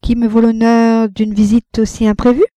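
A woman reading the lines of a gentle, sorrowful married woman in a storybook, soft and restrained. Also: on the high side, little pitch movement, moderate pace, no room sound, voice pushed up, natural voice. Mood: reserved.

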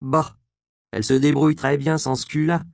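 A man voicing a cheerful, coarse streetwise woman in an audiobook, talking brash and slangy, in a raised, loud voice. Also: a little high, level tone, normal speed, vocal fry, clear, resonant tone, no echo, clean studio sound, voice pushed up. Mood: bawdy.

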